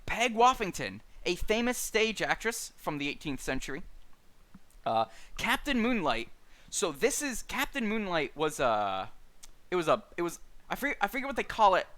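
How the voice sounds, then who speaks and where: A man hosting a streamed book club, reading a list of names and chatting casually with lots of fillers and dry asides. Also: high voice. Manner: lively, halting with many fillers, dry asides. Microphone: streaming mic.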